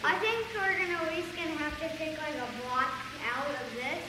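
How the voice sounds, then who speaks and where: A woman's voice: sits high, lively intonation, brisk. A woman chatting casually in a tentative way. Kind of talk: casual chat. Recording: very echoey, noisy, off-mic.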